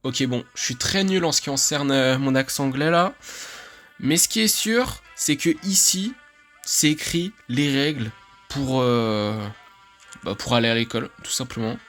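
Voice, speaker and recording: A man from France talks his way through a video game in a loose, excitable let's-play style, laughing often and swearing casually. His voice sits at an ordinary middle pitch, with faint game music playing underneath. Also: measured pace. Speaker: gaming YouTuber.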